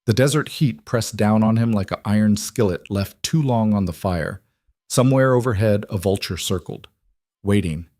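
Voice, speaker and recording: A man's voice: fairly low pitch, normal speed, darkish tone, dry recording, studio quality. A man reading a dramatic western story as scripted narration.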